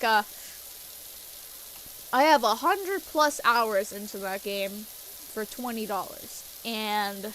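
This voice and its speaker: A woman's voice: on the high side, fairly bright tone, a little hiss or hum, rough recording. Young woman streamer, stuffy nose, rambling. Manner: rambling, filler-heavy, swears casually. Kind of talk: casual chat while gaming.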